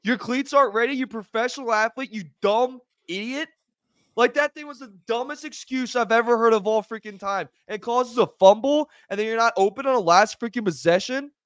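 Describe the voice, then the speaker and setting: Guy on a sports podcast losing it, high voice, dry mic, swings between mutters and yelling. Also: fairly quick, clean tone, dry recording. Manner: angry, swings loud and quiet, sarcastic. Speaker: podcast co-host. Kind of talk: heated sports podcast rant.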